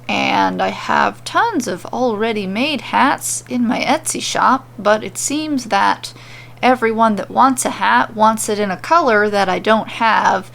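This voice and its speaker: A woman hosts and narrates a story podcast in an informal, conversational style, mixing casual chat with expressive storytelling. Her voice is a little high, gravelly, and fairly bright.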